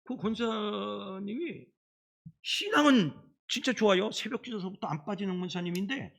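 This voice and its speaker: A middle-aged man preaching a children's Sunday sermon as pastor, in an animated storytelling manner. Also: high voice, moderate pace, creaky. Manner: animated storytelling, acts out quoted voices. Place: church sanctuary.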